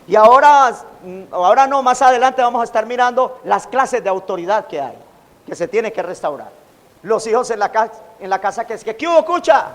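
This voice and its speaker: A man preaching a sermon as pastor, animated, acting out quoted taunts. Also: high-pitched, brisk. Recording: long hall reverb.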